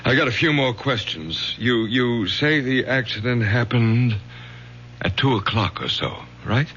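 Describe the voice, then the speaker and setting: A man's voice: mid-range voice, animated, measured pace, fairly bright tone. An actor playing a protective, middle-aged American college professor and father in a radio drama, with a firm, clipped, insistent manner. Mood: interrogating, decisive. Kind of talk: 1970s radio drama acting. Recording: muffled vintage radio recording, hum and hiss.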